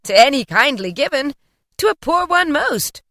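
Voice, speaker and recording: Woman voicing a huge, hearty male spirit, loud and emphatic, pitched up, dry close sound. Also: very animated, moderate pace, dry recording, full character voice. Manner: emphatic, booming exclamations.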